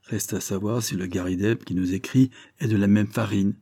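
A man's voice: on the low side, steady tone, moderate pace, dark tone, no room sound. A man reading the part of a shrewd, sardonic male detective who talks in a dry, probing, lightly ironic way. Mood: skeptical.

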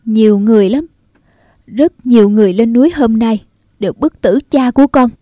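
A woman voicing a proud, cunning young mother in a storybook reading, speaking in a soft, measured way. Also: fairly high pitch, dry recording, clean studio sound, lightly acted. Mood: tender. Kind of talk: audiobook character voice.

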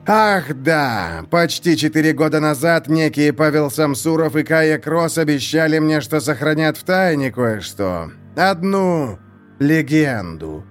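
A man's voice: on the high side, expressive, a little slow, faint music behind, voice pushed up. A man voicing a scheming, mocking male prison warden who gloats in a theatrical, mock-polite way. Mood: gloating.

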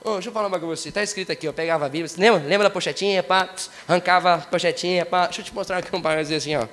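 Young male preacher, rapid slangy delivery, high voice, ringing hall reverb. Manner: slangy, excitable, acts out prayers in street talk. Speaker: youth preacher. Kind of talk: energetic youth sermon. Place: large congress hall.

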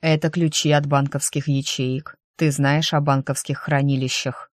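A narrator reading the lines of a calm, persuasive young man in an audiobook, low and earnest. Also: moderate pace, no echo, studio quality, close to an everyday voice. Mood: explaining.

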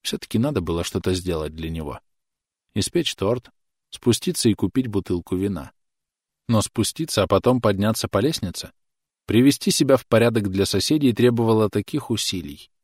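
A man narrating an audiobook in a measured, expressive way. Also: on the low side, slightly rough, no echo, studio quality.

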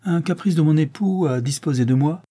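A man voicing a proud, cold widowed marquise in an audiobook, speaking curtly and imperiously, raised well above his own voice, with a dark, husky tone. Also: fairly high pitch, animated, moderate pace, voice pushed up. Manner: curt and imperious. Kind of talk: audiobook character reading.

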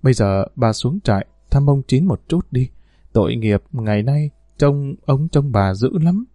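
A man's voice: mid-range voice, animated, brisk, mellow, no room sound, close to an everyday voice. A man voicing a timid middle-aged female servant who speaks deferentially and pleads. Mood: pleading.

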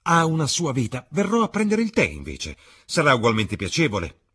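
A man's voice: mid-range voice, huge pitch swings, brisk, fairly bright tone, breathy edge, pitched above the performer's own voice, exaggerated voice. A man reading the part of a charming, vain young aristocrat in an audiobook, with a light and emphatic delivery. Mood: lively.

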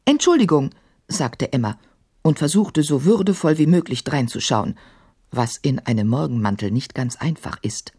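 A woman narrating a children's story with an expressive, playful reading. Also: very deep voice, moderate pace, husky.

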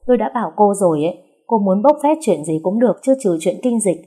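A woman's voice: mid-range voice, lively intonation, fast, warm tone, slightly rough. A woman voicing an exasperated young man who lectures his companion.

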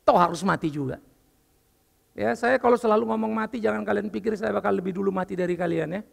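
An older man preaching a lively, joking sermon as a pastor while unwell. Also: sits high, fast, creaky, in a large hall. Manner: lively and joking, mixing in English phrases. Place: church.

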